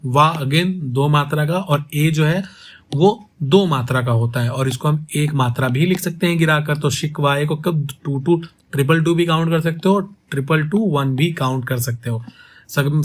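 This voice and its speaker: A man teaching poetic meter, asking his students rhetorical questions and saying each word slowly to show how it is pronounced. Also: on the high side. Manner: asks rhetorical questions and repeats words slowly to show pronunciation. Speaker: poetry teacher. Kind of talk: explaining step by step to students.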